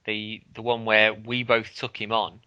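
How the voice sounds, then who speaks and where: A man with a very bright, forceful voice chats with his co-host about a game. He hesitates often, with plenty of ums and restarts. It is relaxed podcast banter. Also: fairly low pitch, unhurried, clean tone, dull audio. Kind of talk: casual gaming chat.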